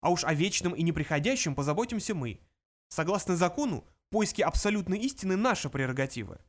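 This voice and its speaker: A man's voice: high-pitched, very animated, quick pace, voice pushed up. Pompous, irritable elder philosopher, read by a male audiobook narrator.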